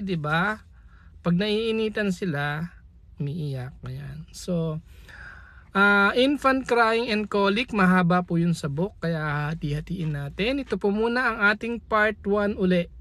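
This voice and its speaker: High-voiced Filipino man teaching casually. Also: a bit bright, no room sound. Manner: chatty, folksy asides, reads a textbook aloud. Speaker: medical lecturer. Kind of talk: casual lesson in mixed Tagalog and English.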